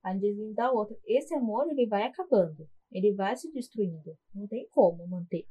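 A Brazilian woman co-hosting a podcast in relaxed casual chat, with a Brazilian Portuguese accent. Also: mid-range voice, moderate pace, husky, rough recording. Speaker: podcast co-host.

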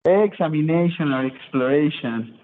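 High-voiced man presenting in class. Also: lively intonation, unhurried, slight background noise. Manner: explanatory, asks rhetorical questions, self-correcting. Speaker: nursing student presenting. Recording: tinny phone-line sound in echoey hall.

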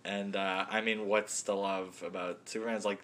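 A man's voice: lowish voice, level tone, moderate pace, fairly bright tone. A man co-hosting a podcast, chatting casually with a friend in a laid-back way and chuckling often. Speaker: podcast co-host. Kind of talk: casual chat between friends.

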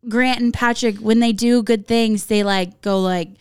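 A woman hosting a podcast, telling a story in a casual chat among friends, animated and swearing freely as she acts out what people said. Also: on the high side, a little slow, clear, resonant tone. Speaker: podcast host.

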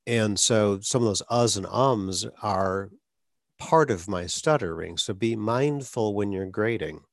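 Measured and lowish in pitch, this podcast host, a speech clinician, conducts a conversational interview with earnest, advocating speech and the odd stuttering block. The recording is dry and studio-clean.

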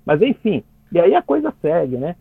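Gravelly Brazilian man on a phone line. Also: a little high, sing-song, normal speed, no room sound. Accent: Brazilian Portuguese. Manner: chatty, many restarts and tag questions, laughs while explaining. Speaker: conductor explaining classical music in cartoons. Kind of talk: casual radio chat. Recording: dry tinny phone line.

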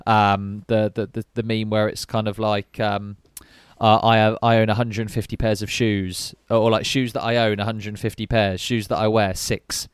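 A man's voice: on the low side, level tone, normal speed, smooth, no room sound, clean studio sound. A young man co-hosting a podcast, chatting casually and rambling with fillers. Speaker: podcast co-host. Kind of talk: casual chat.

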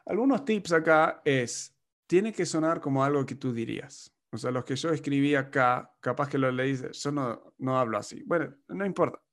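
A man's voice: mid-range voice, lively intonation, normal speed. A man from the United States talking casually as a podcast co-host, explaining marketing in long runs and acting out clients in quoted voices. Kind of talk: casual conversational advice.

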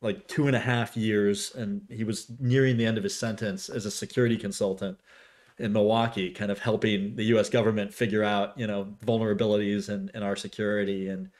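A man's voice: lowish voice, little pitch movement, brisk, a little mellow. A man casually telling a story in a conversation, chatty and filling his talk with "like" and "you know.". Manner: chatty, laughs often, many likes.

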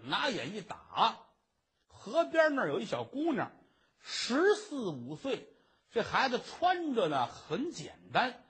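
A man telling a traditional comic story, voicing each figure himself in a lively, husky way. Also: sits high.

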